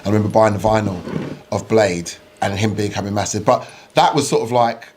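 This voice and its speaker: A man in his late forties talks in a low, unhurried voice, looping through memories with fillers and restarts. A faint hiss of background noise sits under the casual chat. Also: darkish tone. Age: 40s. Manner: rambling, full of fillers and restarts. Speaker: podcast host.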